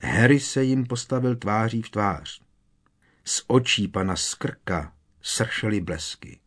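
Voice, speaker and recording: Low-voiced male audiobook narrator. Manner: steady, storytelling. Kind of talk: scripted narration.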